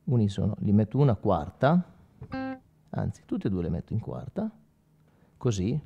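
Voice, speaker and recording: A guitar instructor in his forties demonstrates gear in an informal tutorial, chatting straight to the viewer and checking in with short questions. His fairly low, creaky voice is very animated at a moderate pace, over electric guitar played with effects on lo-fi sound.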